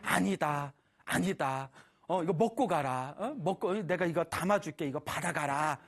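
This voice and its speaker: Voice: medium pitch, moderate pace, natural voice. A preacher doing a doting, insistent old mother. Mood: coaxing. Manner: coaxing, insistent. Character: doting elderly mother pressing food on her daughter.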